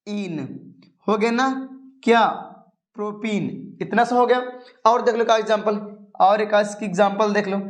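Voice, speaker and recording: A man teaching a chemistry coaching lesson in casual with a tinge, chatty and coaxing, who asks his students questions and then answers them himself. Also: high voice.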